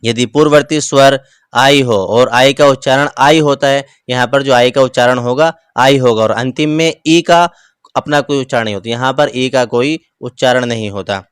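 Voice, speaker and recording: A man teaching English pronunciation, spelling each word letter by letter and then saying it slowly. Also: medium pitch, clean tone, no echo, studio quality. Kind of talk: slow spelled-out pronunciation lesson.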